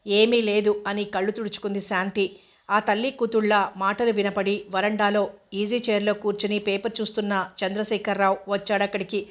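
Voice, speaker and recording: A woman narrating a novel in a steady, even reading voice. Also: medium pitch, fairly quick. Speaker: audiobook narrator.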